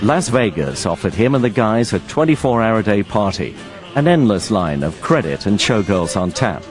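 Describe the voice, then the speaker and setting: A man narrates a documentary in a low, measured voice with a wry edge. Music plays clearly under his reading. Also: big pitch swings.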